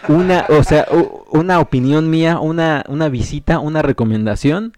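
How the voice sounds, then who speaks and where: A young man with a Mexican accent chatting casually and animatedly, acting out other people's lines. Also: normal speed. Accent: Mexican Spanish. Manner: animated, mock-indignant, acts out others' lines in a high voice. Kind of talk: casual chat.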